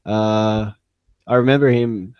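A man co-hosting a casual review podcast, speaking in a measured, thoughtful way with dry humor. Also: fairly low pitch, steady tone, smooth, no echo, muffled recording. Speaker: podcast co-host.

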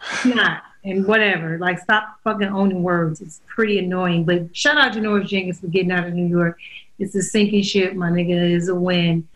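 A woman's voice: lowish voice, normal speed, low-quality recording. A woman co-hosting a podcast, talking bluntly and profanely in a casual, opinionated rant. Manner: blunt, profane, animated ranting. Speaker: podcast co-host.

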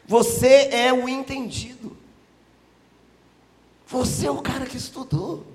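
A preacher voicing Jesus, exuberant. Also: male voice, extremely high pitch, pitched above the performer's own voice, heavily acted. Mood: probing. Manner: animated, playfully ironic, exclaiming. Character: Jesus, gentle then exuberantly teasing teacher. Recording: echoey church hall.

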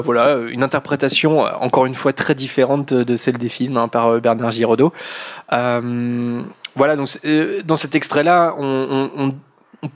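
A male podcast host chatting casually with his co-hosts. He rambles and hesitates, circling back on his words as he goes. His voice sits at a middle pitch.

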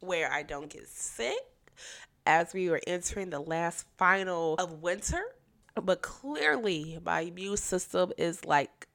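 A young woman hosts a casual political podcast while stuffed up with a cold, so she sounds nasal and congested. Her lowish voice has vocal fry, a bit of brightness, and lively intonation at an unhurried pace as she talks bluntly, sassily, and emphatically.

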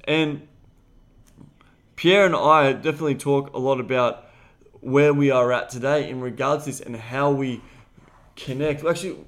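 An Australian man hosting a casual podcast chat, emphatic and swearing freely, swinging from quiet reflection to loud bursts. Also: mid-range voice. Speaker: podcast host, dating coach.

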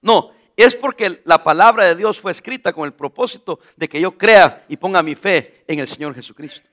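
A man's voice: high-pitched, moderate pace, a bit bright. A man preaching a sermon as pastor, who asks his listeners questions, answers them himself and repeats key phrases for emphasis.

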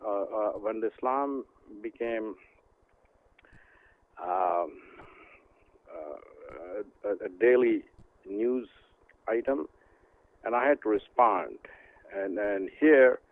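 An older man from India, a guest author, talking by phone in a halting way with many pauses and restarts. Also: lowish voice, animated. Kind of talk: phone interview. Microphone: telephone. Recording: tinny phone line.

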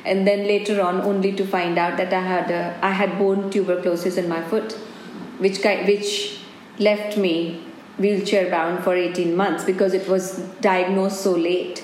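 In a roomy recording with faint ambience and a little hiss or hum, a fairly low, level, darkish female voice speaks at normal speed. She's an Indian business owner in her forties with an Indian accent, answering interview questions in an earnest, thoughtful manner full of "you know"s.

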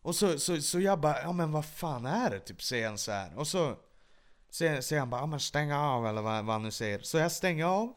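A man co-hosting a podcast, telling lively stories and acting out shouts. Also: a little high, clean tone. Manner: animated anecdotes, acts out shouting. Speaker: podcast co-host. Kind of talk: casual chat, storytelling.

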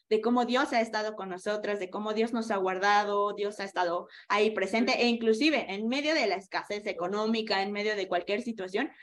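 A woman leading an online women's Bible study, teaching with animation and asking her listeners questions over a video call. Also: mid-range voice.

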